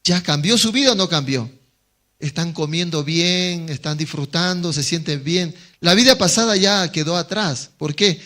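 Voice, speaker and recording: Bolivian pastor guy preaching, high voice, tells the story acting out the people, keeps asking the crowd questions. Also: normal speed, bright, forceful tone. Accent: Bolivian Spanish. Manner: rhetorical questions to the congregation. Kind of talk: sermon.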